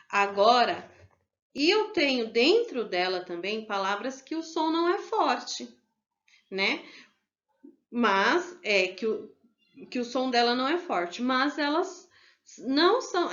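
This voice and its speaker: A woman's voice: a little high, a bit bright. A woman teaching a primary school lesson over slides, explaining patiently and often checking in with her pupils. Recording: dull lo-fi home recording.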